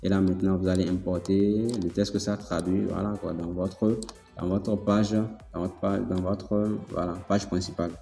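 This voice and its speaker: A man's voice: deep voice, level tone, moderate pace, creaky, warm tone. Man explaining casually in an echoey room. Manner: repeats himself, checks in with "d'accord?"; chatty, filler-heavy explaining. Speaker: tutorial host. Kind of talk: casual software walkthrough. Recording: echoey room, long reverb, faint music.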